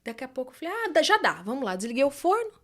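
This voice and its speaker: Animated Brazilian woman telling a story. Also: sits high, rapid-fire. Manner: animated, acts out quoted voices, drops to whispers. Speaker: podcast guest. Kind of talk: storytelling in a casual interview.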